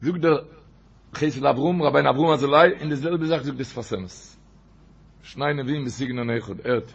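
Gravelly, husky rabbi giving a Torah talk. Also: male voice, mid-range voice, lo-fi sound. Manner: repeats phrases, recites Hebrew quotes in a quick chant. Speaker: rabbi teaching.

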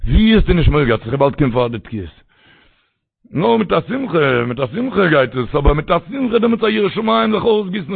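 Raspy fast-talking man preaching a sermon. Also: high-pitched, no room sound. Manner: animated storytelling, swings into raised cries. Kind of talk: religious sermon. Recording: tinny phone-like recording.

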